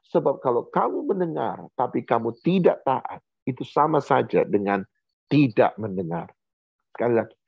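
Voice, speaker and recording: A middle-aged man preaching a sermon as a pastor, lively and animated, repeating phrases for emphasis. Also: mid-range voice, creaky, breathy edge, no room sound. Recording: phone-like narrow sound.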